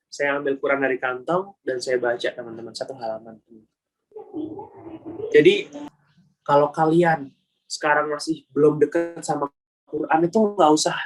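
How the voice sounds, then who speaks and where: A young man giving a casual webinar talk, slangy and animated, acting out the voices of people in his story. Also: a little high. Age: young adult. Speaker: webinar speaker.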